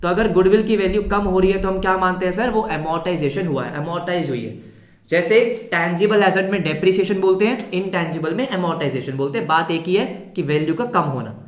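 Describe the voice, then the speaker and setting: A male accounts teacher with a sore throat, running a fast revision lesson, asking the class questions and answering them himself. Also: high voice, echoey room. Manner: quizzes students then answers his own questions.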